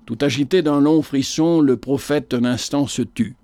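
A man reading a historical novel aloud in a measured narrating voice. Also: mid-range voice, warm tone, no room sound.

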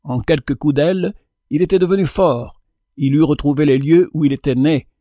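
A man narrating a fable in an expressive, measured reading. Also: fairly high pitch, dry recording, clean studio sound. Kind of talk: storybook narration.

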